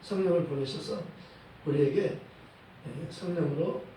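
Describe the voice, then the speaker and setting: A male pastor preaching a sermon in a church, in a measured way, often dropping a short "yes" between phrases and quoting verses. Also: on the high side, warm tone, slight background noise. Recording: echoey hall, voice from a distant mic.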